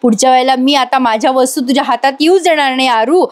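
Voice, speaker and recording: A woman reading the quoted lines of a hot-tempered, secretive young married woman, in a sharp, scolding manner. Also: high voice, quick pace, lightly acted. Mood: angry.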